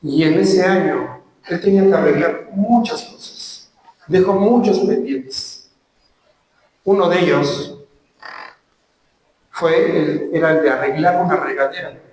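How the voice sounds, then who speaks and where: Earnest preacher in an echoey hall. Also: male voice, a little high, a little mellow, far from the mic. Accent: Mexican Spanish. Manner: earnest storytelling, slow emphatic phrases. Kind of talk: sermon with personal testimony. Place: church hall.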